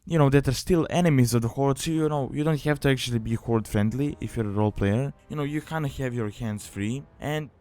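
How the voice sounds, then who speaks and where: A man does a casual, explanatory tutorial voice-over as a guide host and gaming video maker, rambling and leaning on filler like "you know" and "like." His mid-range, darkish voice runs a little fast with hardly any pauses.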